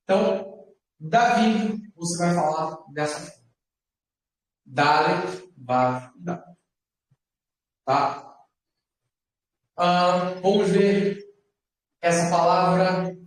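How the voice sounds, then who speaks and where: A man with a fairly high voice teaches a class in an unhurried way. He keeps going back over letters and words so that his students can follow. He is recorded from across an echoey classroom. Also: distant mic. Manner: patient, repeats words slowly for students. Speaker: Hebrew teacher. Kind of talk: classroom lesson.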